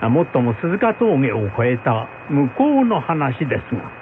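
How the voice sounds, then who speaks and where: This man's medium-pitched voice takes big swings up and down as he speaks at a measured pace. He's voicing a deferential samurai retainer in a folk tale drama, a well-informed servant explaining matters in formal, old-fashioned language. Faint noise sits under the narrow, phone-like sound.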